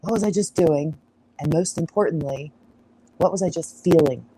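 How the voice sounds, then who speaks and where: A woman's voice: sits low, normal speed, a crowd in the background, rough recording. A woman hosting an astrology livestream, chatting casually on a farm, rambling and sidetracking with frequent laughs. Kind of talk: casual live-stream chat. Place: outdoors on a farm.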